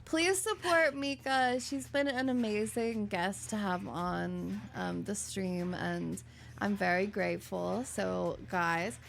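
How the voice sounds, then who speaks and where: A young woman hosts her live stream in a loose, chatty way. Her voice has a gravelly, creaky edge, and she speaks at a middle pitch. She swears casually as she talks. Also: fairly even intonation, takes it slowly, background noise. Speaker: streamer host.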